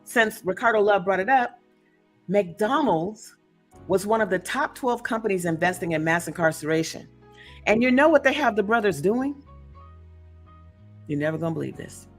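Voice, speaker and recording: A woman's voice: medium pitch, animated, normal speed, pauses often, faint music behind. A woman hosting a talk show and discussing as an author, in an emphatic, storytelling way with frequent asides. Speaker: podcast host and author. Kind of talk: casual discussion.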